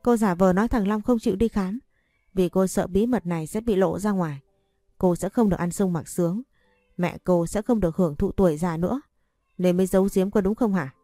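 A woman's voice: mid-range voice, a little fast, warm tone, no echo, soft background music, natural voice. A woman voicing a stern, scornful older mother-in-law who scolds and demands in a storybook reading. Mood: angry.

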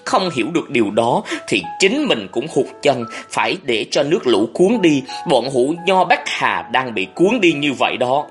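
A calm male general speaks with slow, measured weight, close to the reader's natural voice, as a storyteller voices him. His speech is deliberate and fond, never rushed. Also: mid-range voice, faint music behind, natural voice. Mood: reflective. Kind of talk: audiobook character voice.

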